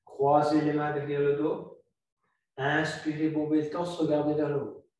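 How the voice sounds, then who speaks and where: Calm yoga teacher man in an echoey room. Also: on the high side. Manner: calm, instructive, repeats cues slowly. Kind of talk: guiding a yoga flow class. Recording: very echoey room, voice far from mic.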